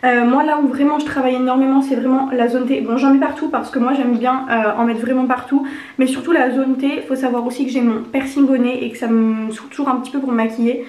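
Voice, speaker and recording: A woman's voice: high voice, steady tone, fast talker, darkish tone. A young woman chatting casually through a makeup review, rambling and informal, her voice slightly honking and duck-like from a cold. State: getting over a cold. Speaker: beauty vlogger. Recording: echoey untreated room.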